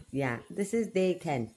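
A woman's voice: fairly low pitch, warm tone, slight background noise. A woman vlogging in a chatty, casual way while speaking with new dentures, laughing often as she gives an update. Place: in Athens.

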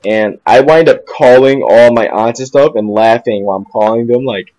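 A man's voice: medium pitch, moderate pace, a little mellow, low-quality recording. A young man telling a rambling story in casual chat, repeating "I'm like" and laughing at himself. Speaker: podcast co-host.

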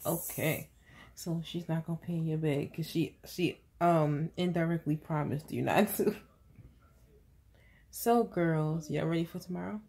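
A woman in her thirties, lying in bed indoors, films herself on a phone held at arm's length while chatting with her daughters at bedtime. Her voice is deep, gravelly and slightly rough, yet warm and unhurried. She teases them playfully and keeps repeating questions in this casual family talk.

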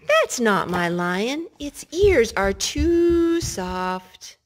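Reading aloud to little ones in her living room, a mother speaks in a slightly high, sing-song voice at a very slow pace, over a noisy background. She explains things simply, asks the children questions, and mixes in singing.

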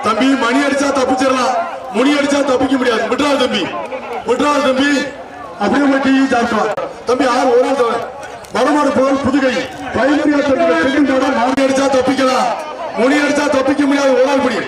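A man with a Tamil Nadu accent giving excited live event commentary over a loudspeaker, shouting repeated calls and urgings as announcer. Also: very high-pitched, a little fast. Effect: amplified through loudspeaker PA. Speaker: live event announcer at a bull-taming contest. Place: outdoor arena with loud crowd behind. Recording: echoing outdoor PA, distant, loud crowd.

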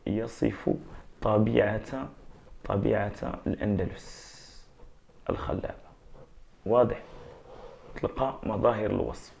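A man with an Algerian Arabic accent, a teacher giving an exam revision lesson, dictating answers slowly and often checking that students follow. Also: on the low side, creaky, dark tone. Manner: slow, drawn-out dictation of answers, frequent checks of understanding.

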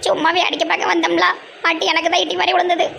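A woman with a Tirunelveli Tamil accent scolds brashly in a high, bright voice. It has a gravelly rasp, with faint background noise. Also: little pitch movement, fast talker. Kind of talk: comedy sketch acting.

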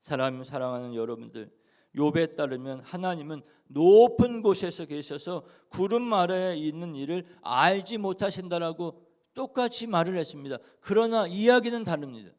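Korean pastor preaching with rising fervor. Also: male voice, high voice, animated, moderate pace. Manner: swings from soft asides to loud emphatic peaks; voices scripture figures in direct speech. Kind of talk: dawn prayer sermon.

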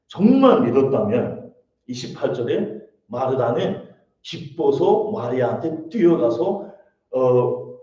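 A man preaching a dawn-service sermon, who acts out quoted lines in lively voices and drops soft and low at times. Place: church sanctuary. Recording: distant echoey church room, muffled.

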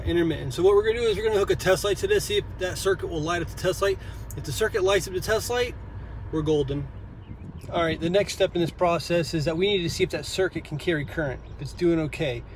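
High-voiced man explaining car repair. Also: darkish tone, a little hiss or hum. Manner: plainspoken, explains step by step. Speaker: auto technician. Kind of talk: casual how-to narration. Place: inside a parked car outdoors.

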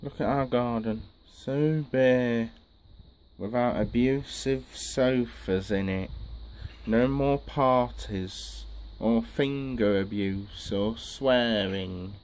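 A man's voice: medium pitch, darkish tone, slight background noise. A young man chatting casually as a vlogger, walking outdoors and filming on a phone held at arm's length, in a laid-back, rambling way. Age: young adult. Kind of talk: casual vlog chat. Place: outdoors in gardens and allotments.

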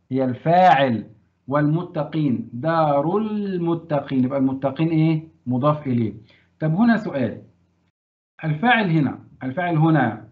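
Egyptian guy teaching grammar to a class, asks questions n praises answers, sounds like an old phone line. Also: on the high side. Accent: Egyptian Arabic. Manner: animated, quizzing students and praising answers.

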